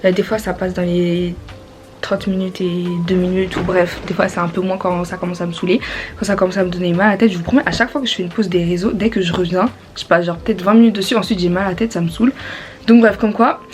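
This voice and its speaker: Teen girl vlogger, casual and rambling, warm dark timbre. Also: fairly low pitch, steady tone, quick pace, soft background music, poor audio. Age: teens. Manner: chatty, many fillers. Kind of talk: casual vlog narration.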